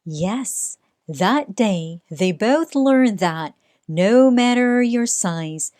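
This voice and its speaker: A woman reading a rhyming children's story aloud in a sing-song way, with dramatic pauses. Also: medium pitch, expressive, a little mellow, dry recording, clean studio sound. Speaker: storybook reader. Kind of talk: children's read-aloud narration.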